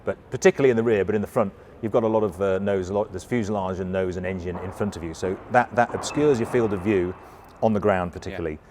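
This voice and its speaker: A middle-aged or older man giving an informal, hands-on briefing as a flight instructor, explaining in a halting, self-correcting way. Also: deep voice, fairly even intonation, a little mellow, slight background noise.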